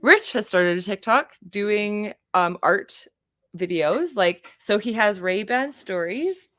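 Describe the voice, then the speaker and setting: A woman's voice: mid-range voice, fairly bright tone, no echo, studio quality. A woman hosting a live auction, chatting casually in an effusive, exclamatory way. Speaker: auction host.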